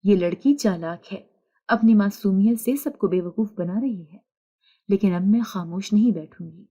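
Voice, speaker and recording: A woman's voice: medium pitch, dark tone, natural voice. A woman voicing a scheming, spiteful older mother-in-law who scolds and taunts, read in a storybook narration.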